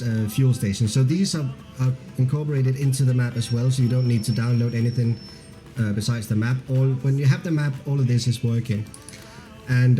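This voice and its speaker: Streaming a game, this man from Denmark reads out viewer comments, laughs readily and talks in a loose, restart-heavy way full of fillers. He has a mixed accent, difficult to pin down, built on Danish. His voice is medium-pitched and mellow.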